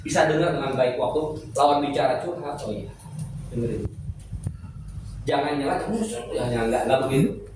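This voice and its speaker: A middle-aged preacher teaches a church seminar in a church hall, playful and joking with the congregation. His mid-range voice is expressive at a moderate pace with frequent pauses, recorded far from the mic in a noisy, echoey hall.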